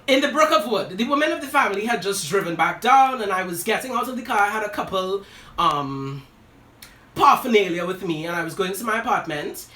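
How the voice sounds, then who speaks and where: A woman hosts a live show, telling a personal story with dramatic, sassy flair and tossing in asides that call listeners "girl" and "darling." Her medium-pitched voice is expressive, fairly quick, bright, and forceful. The recording has a roomy echo, and she sounds distant.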